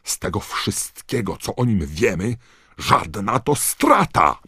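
A man's voice: very animated, a little slow, no echo, clean studio sound, heavily acted. A man voicing a blustering, panicked male minister of magic who roars in rage. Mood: furious shouting. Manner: roaring, shrill with rage.

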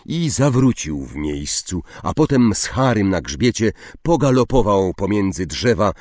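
A man reading a fantasy novel aloud as an audiobook narrator, slow and expressive. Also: deep voice, no room sound, clean studio sound.

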